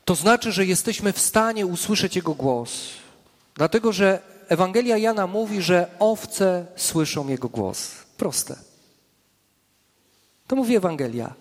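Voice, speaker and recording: A man preaching and praying in an earnest manner, often slowing down and dropping his voice low for emphasis. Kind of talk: sermon with prayer. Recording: long hall reverb.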